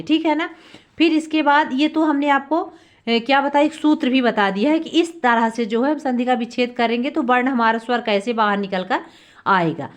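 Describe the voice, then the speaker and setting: A woman teaching a Sanskrit grammar lesson, asking questions and answering them herself, drawing out key sounds. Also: high voice. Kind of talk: classroom lesson explaining grammar.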